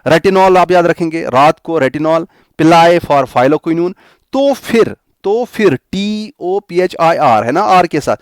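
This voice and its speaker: A man's voice: fairly high pitch, expressive, no echo, studio quality. A young male teacher coaching students for exams, who repeats and spells out memory tricks step by step. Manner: repeats mnemonics slowly, spelling letters out. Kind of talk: exam coaching lecture.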